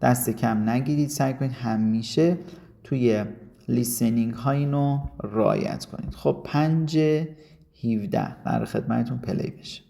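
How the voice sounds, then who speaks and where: A gravelly-voiced man from Iran leads a casual video lesson. He speaks at a medium pitch and coaxes his students along, mixing in slow English phrases. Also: mellow. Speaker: English teacher.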